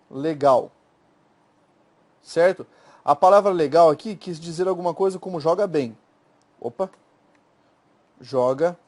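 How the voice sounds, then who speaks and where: High-voiced Brazilian man teaching grammar. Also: darkish tone. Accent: Brazilian Portuguese. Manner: explains step by step, checking in with frequent "tá?" and "certo?"; slangy and informal at times. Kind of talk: recorded exam-prep lecture.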